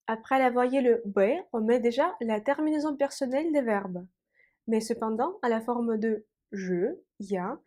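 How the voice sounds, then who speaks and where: Slow-drilling woman teacher. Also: fairly high pitch, darkish tone. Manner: slow, careful pronunciation drills with repetition. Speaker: Russian language teacher. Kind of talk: language lesson.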